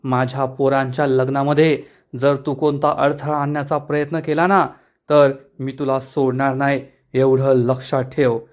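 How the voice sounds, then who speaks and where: A man voicing a threatening middle-aged village man who gives slow, menacing warnings. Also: mid-range voice, little pitch movement, close to an everyday voice.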